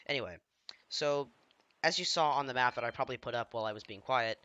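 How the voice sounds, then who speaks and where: Speaking fast in a mid-range, sharp-toned voice with no echo, a let's play gamer gives casual commentary while slightly hoarse from feeling ill. He rambles, makes self-deprecating remarks and leaves sentences unfinished.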